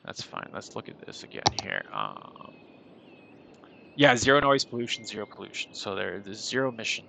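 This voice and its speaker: Nasal from a head cold, a man streams a city-building game and offers rambling, chatty, self-deprecating commentary. His fairly low, gravelly voice has a sharp tone and wildly swooping pitch at normal speed, with slight background noise.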